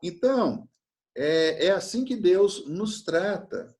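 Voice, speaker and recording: A man's voice: sits high, lively intonation, takes it slowly, darkish tone. Man teaching a fathers' session. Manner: tells stories and acts out quoted lines.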